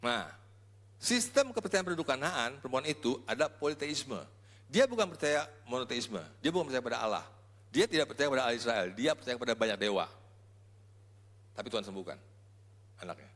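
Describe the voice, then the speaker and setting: A male pastor preaching a sermon in an animated, colloquial style that swings between sudden shouts and quiet drops. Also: mid-range voice, fairly quick, pauses often. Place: large church hall. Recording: echoey church hall.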